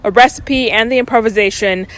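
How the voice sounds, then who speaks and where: A young man from Texas performs his own poem. His voice sits high for a man. He recites in a lyrical, measured cadence. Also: fairly bright tone. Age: 20s. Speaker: spoken word poet. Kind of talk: performance poetry.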